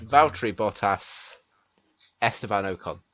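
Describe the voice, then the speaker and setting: A man's voice: on the low side, a little slow, a bit bright. A man co-hosting a podcast in casual banter, joking around and laughing often. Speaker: podcast co-host.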